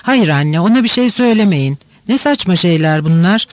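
A man reading the part of a lively, stubborn teenage girl in an audiobook, teasing and insistent. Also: sits high, moderate pace, no room sound. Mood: eager.

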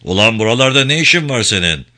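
A man voicing a gruff, scornful village man in a Turkish audiobook, loud and scolding. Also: mid-range voice, animated, fast.

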